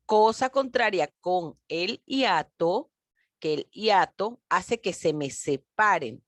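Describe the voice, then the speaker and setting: A woman teacher with a lowish voice and lively intonation gives a recorded grammar lesson with no room sound. She speaks slowly and emphatically, stretching key words and addressing her pupils directly.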